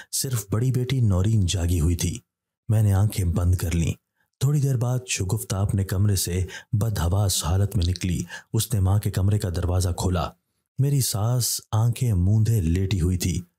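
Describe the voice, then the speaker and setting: A man's voice: sits low, dark tone, slightly rough. A man narrating a scripted horror story, speaking steadily and voicing each character in his own plain voice.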